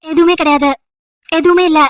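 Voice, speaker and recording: A woman voicing an irritated, sharp-tongued young female college student in an amateur audio drama, scolding with sarcastic rhetorical questions. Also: high voice, steady tone, brisk, no echo, close to an everyday voice. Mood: annoyed.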